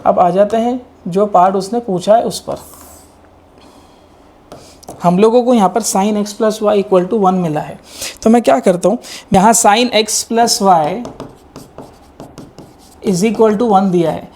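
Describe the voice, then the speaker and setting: Man, maths tutor, mellow tone, step-by-step explaining, rhetorical questions to students. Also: high voice, takes it slowly, pauses often. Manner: mixes English maths terms into Hindi. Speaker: maths teacher. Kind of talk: online exam-prep lecture.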